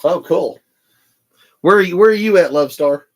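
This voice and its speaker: Man, 50s, livestream host, chatty, slightly high-pitched. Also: moderate pace. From Texas. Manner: chatty, reads viewer comments aloud. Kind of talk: casual livestream chat.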